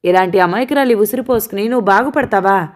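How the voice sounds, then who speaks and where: A woman voicing a scornful older mother who shouts, taunts and wails at her son's lover, in an audiobook. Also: medium pitch, moderate pace, lightly acted. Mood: furious shouting. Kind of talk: audiobook character voice.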